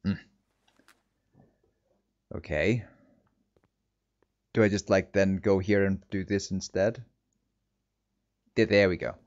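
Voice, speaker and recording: A man with a very low voice gives casual video game commentary. He mutters and halts as he thinks aloud, in a slightly dull home recording. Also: steady tone, takes it slowly, long pauses, a little mellow. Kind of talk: casual play-through commentary. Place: small home room.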